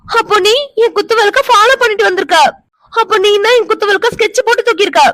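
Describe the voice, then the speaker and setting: A woman plays a feisty young cartoon woman with a very high voice who accuses and argues sharply and can break into tears. The sound is dry and close. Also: fast, fairly bright tone, dry recording. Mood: accusing. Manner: accusing and tearful.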